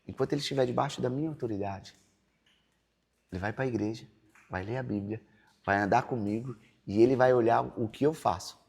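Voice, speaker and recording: Male pastor, Brazilian accent, earnest preaching testimony, gravelly voice. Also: mid-range voice, a little fast, darkish tone. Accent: Brazilian Portuguese. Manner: earnest, preachy, acts out quoted dialogue. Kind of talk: personal testimony in a podcast interview.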